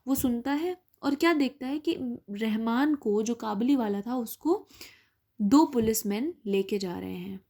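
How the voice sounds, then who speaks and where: A woman teacher with a somewhat high, mellow voice. She reads lines of a story slowly and deliberately, then goes back over them in a patient, explaining tone, as if walking young pupils through a lesson. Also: expressive. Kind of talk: explaining an English lesson in Hindi.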